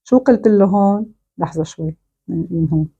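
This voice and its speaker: A woman's voice: fairly low pitch, brisk, mellow, husky, dull audio. A woman with a Syrian Arabic accent, delivering a mocking, scolding monologue straight to camera. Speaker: online commentator.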